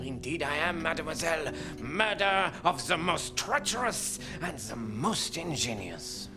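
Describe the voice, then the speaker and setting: An actor playing a pompous, smug French detective with a thick French accent, in a comedy sketch. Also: male voice, on the high side, sing-song, a little slow, music in the background. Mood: grave.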